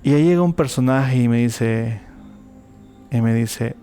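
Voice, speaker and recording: A man's voice: medium pitch, unhurried, mellow, clear, resonant tone, faint music behind. A man telling a personal faith testimony as an interview guest, acting out the dialogue vividly.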